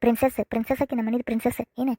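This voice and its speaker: A woman voices a fussy, doting middle-aged village mother in a cartoon comedy, grumbling in a North Karnataka Kannada accent with chattering, dramatic speech full of rhetorical questions. Her natural voice is fairly high and dark-toned, with a level tone and a racing pace, recorded in a clean studio with no echo.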